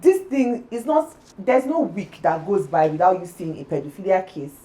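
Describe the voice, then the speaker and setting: A woman's voice: lowish voice, lively intonation, normal speed, warm tone, rough recording. A young woman from Nigeria co-hosting a casual podcast chat, talking with heated emphasis. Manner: impassioned, emphatic. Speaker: podcast co-host.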